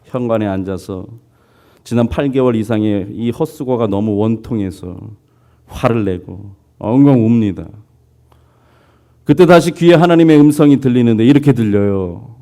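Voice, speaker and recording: A man's voice: mid-range voice, moderate pace. A man preaching a sermon as pastor, telling a story, putting on voices for its people and asking the congregation questions. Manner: lively storytelling, voicing characters, asks congregation questions.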